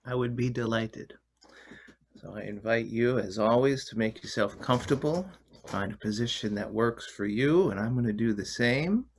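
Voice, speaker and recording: A man leading a guided relaxation in a soft, soothing, hushed delivery that at times nears a whisper. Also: mid-range voice, normal speed, slight background noise. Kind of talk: guided meditation.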